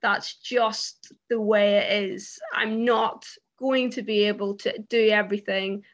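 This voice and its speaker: A British woman on a panel speaks in a mid-range, steady voice at a slightly slow pace. She stammers and chats casually, using lots of fillers and repeated words, and laughs between her points.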